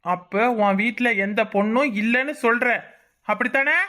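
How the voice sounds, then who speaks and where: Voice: mid-range voice, normal speed, pushed and bright, natural voice. A voice actor playing a rich, threatening old man in a cartoon, blustering and menacing, with a Kanyakumari Tamil accent. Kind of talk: cartoon voice acting.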